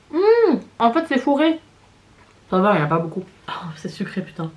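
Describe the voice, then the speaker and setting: A woman's voice: a little high, huge pitch swings, normal speed. A French woman in her twenties chatting casually in a vlog while eating, often with her mouth full. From France, Paris region. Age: 20s. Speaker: vlogger. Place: home in London.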